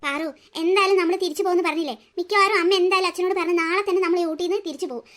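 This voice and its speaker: A woman's voice: very high voice, steady tone, rapid-fire, a bit bright. A woman voicing a bold, clever young girl in a cartoon story, an indignant and protective big sister. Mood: plotting. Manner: indignant, plotting. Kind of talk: cartoon voice acting.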